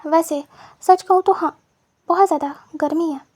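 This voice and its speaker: Woman doing a teasing tormentor, quiet, slow, mocking. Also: very high voice, steady tone. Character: cruel teasing young man, smug tormentor.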